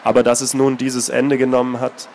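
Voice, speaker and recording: A man reading aloud and voicing a mysterious, weary old man with a low, rustling voice. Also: monotone, brisk, darkish tone, a little hiss or hum, lightly acted.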